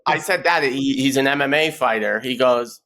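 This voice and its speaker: A man's voice: medium pitch, normal speed, a bit bright. A man from Canada hosting a podcast, chatting casually and teasing, often restarting his sentences. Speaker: podcast host. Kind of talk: casual chat.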